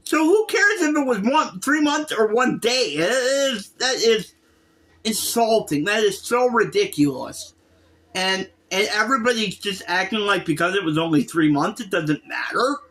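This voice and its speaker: Casual ranty reaction vlogger, fed up and emphatic, keeps repeating stuff, medium pitch. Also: lively intonation, moderate pace, a bit bright. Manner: exasperated, emphatic, repetitive. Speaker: reaction video commentator. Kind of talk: casual opinion rant.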